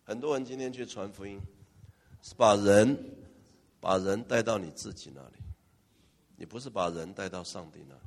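A male pastor preaching a lively, humorous sermon and firing questions at his congregation. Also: on the low side, moderate pace, creaky, long pauses. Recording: long church-hall reverb.

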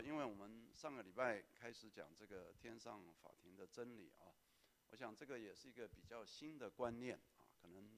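A man preaching a sermon as pastor, lively and often calling on the congregation to answer, with English words mixed in. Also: on the low side.

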